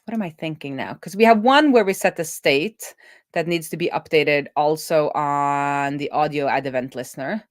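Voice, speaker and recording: In a dry recording, a low-voiced woman developer talks through her code on a live stream, thinking aloud casually. Her delivery stops and starts, with sentences trailing off mid-thought and getting corrected as she works things out.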